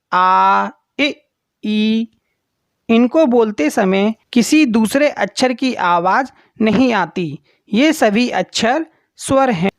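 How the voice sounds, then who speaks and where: A woman teaching children in a slow, deliberate way, spelling out each letter clearly. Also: fairly high pitch, dry recording, clean studio sound. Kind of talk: children's lesson.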